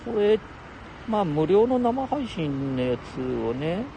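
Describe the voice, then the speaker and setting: Older man, 70s, Nagoya-area dialect, solo livestream host; lively up-and-down voice with a slightly high pitch, chatty and laughing, faint noise behind. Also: slow, gravelly. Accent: Nagoya-area Japanese dialect. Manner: chatty, laughs often, talks to himself. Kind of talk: rambling solo livestream chat.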